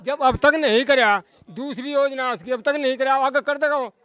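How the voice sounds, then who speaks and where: A villager, a man, answering a street interview with forceful, indignant complaints. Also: very high voice, normal speed.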